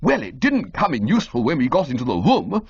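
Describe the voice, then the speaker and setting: A woman voicing an excitable, flustered young gentleman who rushes out agitated exclamations. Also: a bass voice, husky, exaggerated voice. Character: flustered young man-about-town, excitable and dramatic. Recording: dull lo-fi recording.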